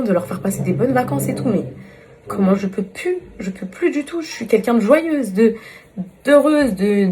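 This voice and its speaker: Her pitch is fairly high but her tone darkish, and a little background noise is audible. In a casual vlog, this influencer guides followers through her beauty routine, repeating herself as she vents in exasperation.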